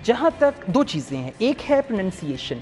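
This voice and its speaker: A man's voice: high-pitched, big pitch swings, fairly quick, darkish tone. A man, an English teacher, explaining patiently in a studio interview and slipping English phrases into his speech. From Pakistan.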